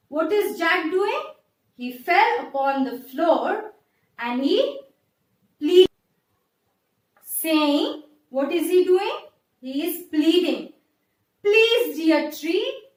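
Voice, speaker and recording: Woman teacher, storytime for young kids, very slow and deliberate, questions the class, echoey room heard from afar. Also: very high-pitched, animated, distant mic. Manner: slow, deliberate, asks the class questions and repeats each part. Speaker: schoolteacher. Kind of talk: reading a story aloud to young children.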